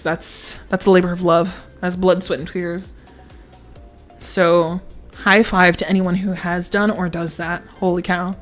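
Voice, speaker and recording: A woman streamer chatting casually on a livestream, swearing freely and often breaking into laughter. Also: medium pitch. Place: standing at a home streaming setup.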